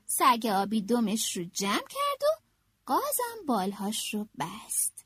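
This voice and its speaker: High, lively woman reading a storybook. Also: dry recording. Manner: expressive, animated read-aloud. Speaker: narrator.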